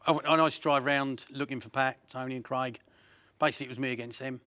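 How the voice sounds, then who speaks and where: Fast, blunt man. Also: mid-range voice, fairly even intonation, sharp tone, a little hiss or hum. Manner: rapid, blunt storytelling with swearing and restarts. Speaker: interviewee. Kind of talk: documentary interview recounting events.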